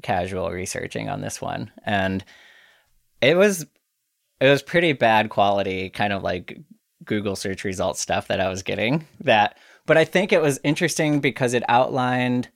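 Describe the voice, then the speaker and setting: A man co-hosting a casual conversation, chatty and wry, full of fillers and quick self-corrections. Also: on the low side, vocal fry, no echo, studio quality.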